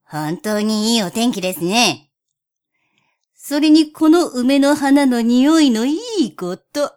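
A woman's voice: a little high, lively intonation, slow, a little mellow. A woman voicing a sly, scheming male spotted cat who coaxes in a syrupy tone, in a storybook reading. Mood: coaxing. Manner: coaxing, wheedling tone.

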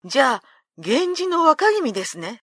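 A woman voicing a huge, fierce warrior monk in a read-aloud folk tale, gruff and later deferential. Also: a little high, animated, a little slow, fairly bright tone, no room sound, studio quality. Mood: humble.

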